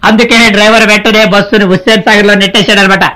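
A freshly woken passenger grumbles and rambles in a bright, tense voice, as a man acts him out. He rattles along extremely fast. It sounds like a comic audio sketch. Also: sits high, flat delivery. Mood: grumbling. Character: drowsy, boastful male passenger telling his dream.

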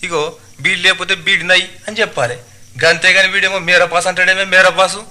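A man voicing a quarrelsome village tailor, loud and indignant, with a Telangana Telugu accent. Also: high-pitched, level tone, a little fast, voice pushed up.

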